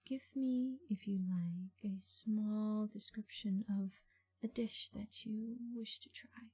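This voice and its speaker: Female for ASMR role-play as a patient call center agent: very mellow, dark, breathy ASMR delivery, reassuring and slow. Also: medium pitch, fairly even intonation. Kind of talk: soft ASMR.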